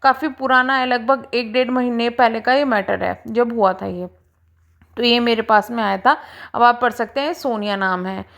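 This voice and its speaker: A woman's voice: on the high side, moderate pace, creaky, a bit bright. A young woman vlogger talking to her viewers, defending herself in a defensive, emphatic, repetitive way. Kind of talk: clarification vlog to viewers.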